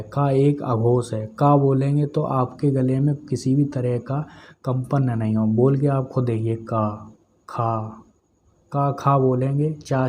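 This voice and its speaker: A man with a mellow, warm voice teaching an exam-prep grammar lesson. He talks in steady, step-by-step explanations, repeats key terms and drills syllables aloud. A faint hiss sits under his voice. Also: medium pitch. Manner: explains step by step, often adds "okay friends".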